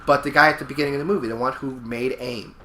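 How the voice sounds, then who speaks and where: Bright-voiced opinionated man in a roomy space. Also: mid-range voice, steady tone, quick pace. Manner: opinionated, emphatic, repeats and rephrases himself. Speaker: let's play co-host commenting over the game. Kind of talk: casual opinionated chat over gameplay. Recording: roomy echo, faint background noise.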